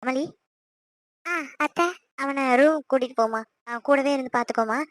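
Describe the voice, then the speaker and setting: A woman's voice: high-pitched, moderate pace, no room sound, natural voice. A woman voicing a worried, doting middle-aged mother-in-law in a cartoon, asking question after question. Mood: fussing. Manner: anxious, doting, many questions. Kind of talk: cartoon voice acting.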